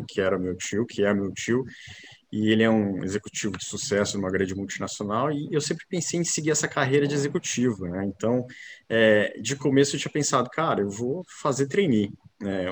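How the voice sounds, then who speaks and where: A man, a company co-founder talking casually as an interview guest, relaxed and rambling with many fillers. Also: fairly low pitch, slight background noise. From interior of São Paulo state, Brazil.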